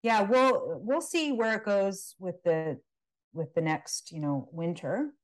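A woman's voice: mid-range voice, takes it slowly. A woman, a guest on a casual podcast, talking in a wry, sarcastic way and laughing between remarks. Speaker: podcast guest, natural health practitioner. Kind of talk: casual conversational interview.

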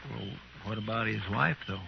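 An actor playing a folksy, deferential American deputy to an Old West marshal in a radio western. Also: male voice, lowish voice, normal speed, creaky. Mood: hushed. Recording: muffled, noisy vintage radio recording.

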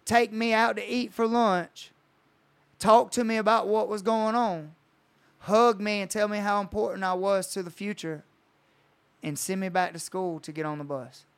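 Guy, coach, swears a lot telling his story, kinda high voice, real clean and smooth. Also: fairly even intonation, moderate pace, fairly bright tone. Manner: storytelling, retells conversations with swearing. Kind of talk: casual podcast chat.

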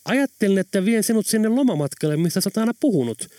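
An easygoing, jokey young man talking casually and upbeat, as a male narrator does his voice. His voice sits higher and a touch louder than plain narration. The sound is dry and close. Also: animated, dry recording.

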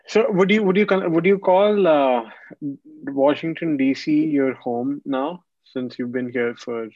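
Halting, teasing male podcast host. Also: fairly high pitch, a little mellow, no room sound, lo-fi sound. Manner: halting questions with many fillers, teasing. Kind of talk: casual interview.

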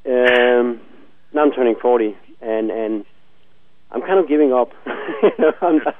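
Co-host, man, 40s, halting and self-repeating, thin phone-like sound, dry. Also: medium pitch, no echo. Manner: hesitant, repeats words, laughs often. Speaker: podcast co-host. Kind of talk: casual chat. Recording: tinny phone-like line.

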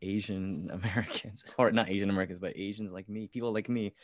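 A man's voice: on the low side, fairly even intonation, fast, no echo. A man who grew up in California and is a songwriter, giving casual interview answers with many fillers and restarts. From born in the Philippines, grew up in California. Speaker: musician, songwriter.

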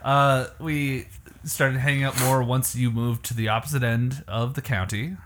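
A man's voice: mid-range voice, steady tone, moderate pace, fairly bright tone. A man from Canada hosting a casual podcast interview, rambling through self-mocking asides. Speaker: podcast host.

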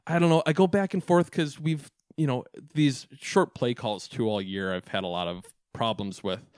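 A man's voice: mid-range voice, normal speed, a little mellow, no room sound, studio quality. A man co-hosting a sports podcast, talking in a casual, rambling way with frequent restarts. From Minnesota. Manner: rambling, restarts often, laughs easily. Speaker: podcast co-host.

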